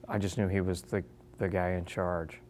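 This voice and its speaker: A man in an interview, speaking haltingly and searching for his words. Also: deep voice, level tone, a little mellow, slight background noise. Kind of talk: documentary interview.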